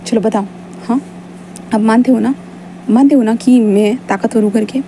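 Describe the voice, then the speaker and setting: A woman reading a storybook voices a calm, cocky young man who talks curtly and teases smugly. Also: a little high, moderate pace, slight background noise, close to an everyday voice. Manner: cool, curt, smugly teasing.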